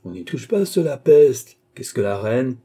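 A man's voice: mid-range voice, sing-song, normal speed, warm tone, breathy edge. A man voicing an old, irascible aristocratic father who mocks and needles his son in an audiobook. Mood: sly. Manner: scornful, needling, stamping with temper. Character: old irascible nobleman father, mocking and impatient. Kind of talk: audiobook character reading.

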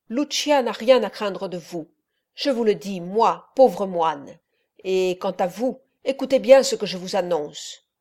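A man's voice: high voice, darkish tone. A woman reading an elderly friar in an audiobook, fervent and preaching. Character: impassioned elderly male friar, pleading then wrathful.

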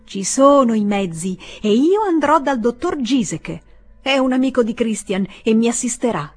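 A woman reader voicing a proud, indignant young woman who speaks in a shrill, outraged and emphatic way. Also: animated, normal speed, slightly rough.

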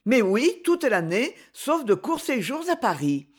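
A woman's voice: fairly high pitch, sing-song, a little slow, breathy edge, voice pushed up, full character voice. A woman reader voicing a proud, chatty older peasant woman who once nursed the heroine, speaking with fond exclamations. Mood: confiding.

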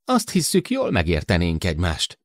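A man voicing a young man who asks a favor in a halting, embarrassed way, in a spoken audiobook. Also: sits low, wildly swooping pitch, no room sound, clean studio sound. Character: hesitant young man, awkwardly asking a favor.

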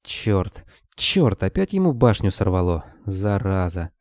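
A man voicing a sharp-tongued huntress. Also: low-pitched, big pitch swings, unhurried, no echo, studio quality, heavily acted. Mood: angry. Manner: sharp, scolding. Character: tough young woman monster hunter, sharp-tongued.

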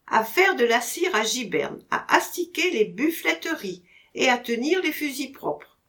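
A deferential young manservant from an old storybook, played by a woman reading aloud, humble and eager to please. His short answers come out soft and a touch lower than the reader's own voice, bobbing in pitch. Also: sing-song, a little slow, full character voice. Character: young male servant, meek and eager. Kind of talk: audiobook character reading.

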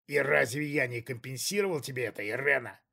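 A man voicing a menacing middle-aged conspirator who speaks in a hoarse, low, controlled voice. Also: brisk, bright, forceful tone. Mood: cold. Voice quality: hoarse, gravelly.

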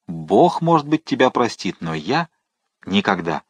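A man voicing a vengeful man disguised as a monk, speaking slowly, hard and commanding. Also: lowish voice, very animated, slightly rough, no echo, exaggerated voice. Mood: merciless.

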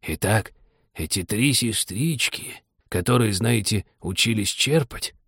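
Guy reading as a drowsy hoarse little dormouse, mumbly and slow, dry close mic. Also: fairly low pitch, lively intonation, fairly bright tone, no echo, heavily acted. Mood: sulky. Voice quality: weak and hoarse. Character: sleepy little male dormouse, sulky. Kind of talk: audiobook character reading.

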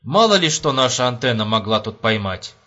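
A man voicing a calm, drawling army captain in an audiobook. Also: mid-range voice, a little fast, lo-fi sound.

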